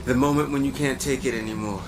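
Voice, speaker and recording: An actor playing a world-weary prison inmate who narrates in a blunt, sardonic, profane way. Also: male voice, medium pitch, fairly even intonation, fast, lightly acted. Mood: boastful. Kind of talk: scripted TV drama monologue. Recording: audible background noise.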